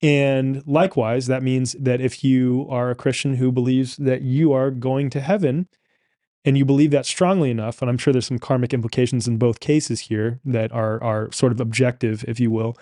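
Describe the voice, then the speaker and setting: A man's voice: mid-range voice, steady tone, normal speed, warm tone, no echo, clean studio sound. A man hosting a podcast interview, explaining his ideas in a reflective, expansive way. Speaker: podcast host. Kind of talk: conversational interview.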